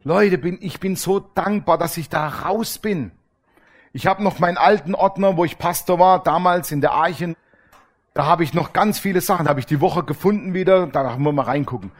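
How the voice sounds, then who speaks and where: With a fairly high pitch and an ordinary speaking rate, a middle-aged preacher tells anecdotes through a laid-back sermon. He's energetic and everyday in tone, voicing each person who appears in his stories.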